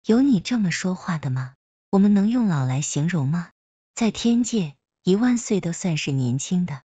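A woman's voice: low-pitched, lively intonation, normal speed, darkish tone, breathy edge, no room sound. A woman reading a story aloud, voicing a hot-tempered young celestial dragon girl who scolds shrilly. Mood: scolding.

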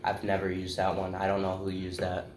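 A man casually tasting hot sauces, giving blunt, deadpan verdicts. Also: sits low, brisk. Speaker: taste tester. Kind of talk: casual chat. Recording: roomy with faint noise.

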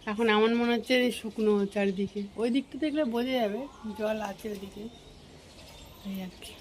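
A woman's voice: medium pitch, moderate pace, a little hiss or hum, low-quality recording. Chatty Bengali woman vlogging while cooking. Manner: chatty, talks to viewers while cooking and walking. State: unwell with a cold. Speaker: family vlogger. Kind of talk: casual vlog chat while cooking.

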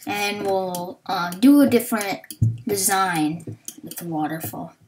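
A woman hosting a gaming video, talking slowly and hesitantly through what she is doing, with many fillers. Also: medium pitch, noisy background. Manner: hesitant, thinking aloud with fillers. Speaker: gaming channel host. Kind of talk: Let's Play commentary.

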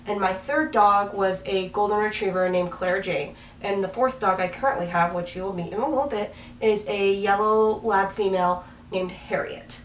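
A vlogger in her twenties from Washington State chats casually to the camera while sitting on her bed with a dog in a small bedroom, laughing at herself as she rambles. Her medium-pitched voice is steady, at normal speed with few pauses. The camera mic sits a few feet away, so the audio is roomy and slightly distant, with a little hiss or hum.

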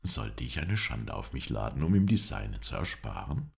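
A man reading an adventure novel aloud as an audiobook narrator, telling the story in a measured, expressive way. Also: a bass voice, gravelly. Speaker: audiobook reader.

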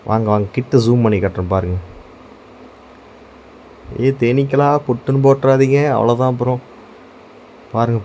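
A chatty man walks through his garden with a handheld phone, talking to viewers and shouting out to his dogs now and then. His voice is dark and mellow, with faint outdoor ambience behind him. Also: fairly low pitch, a little hiss or hum. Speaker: vlogger filming his garden. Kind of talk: casual walk-and-talk vlog. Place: outdoor garden under trees.

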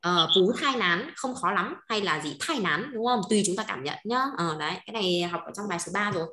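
A woman's voice: medium pitch, lively intonation, bright, forceful tone. A woman with a Northern Vietnamese accent teaching a language class, patiently checking in with her students. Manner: patient, keeps checking with quick questions. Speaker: Chinese teacher. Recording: roomy echo.

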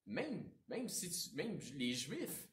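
A man with a Quebec French accent preaching a sermon as pastor, with a conversational style, informal asides and big swings between loud and quiet. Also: fairly high pitch, big pitch swings, takes it slowly. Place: church sanctuary. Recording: roomy echo, voice picked up from a distance.

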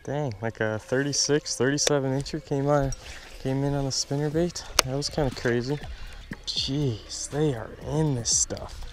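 A young man with a mid-range voice narrates his solo fishing trip at a moderate pace, talking to the camera from a small boat on a lake. The vlogger mumbles to himself, later breaking into excitement and laughter, while the onboard camera mic captures surrounding wind and water.

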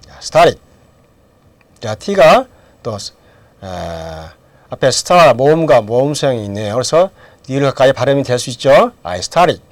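A man's voice: mid-range voice, no room sound. A middle-aged man teaching English grammar in a lecture, asking questions and then answering them himself. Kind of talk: lecture with drills.

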